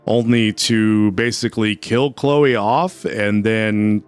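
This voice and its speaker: A man's voice: fairly low pitch, fairly even intonation, slow pace, clean tone, no room sound. A man streaming a video game, chatting casually and rambling as he answers his chat. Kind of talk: casual gameplay commentary.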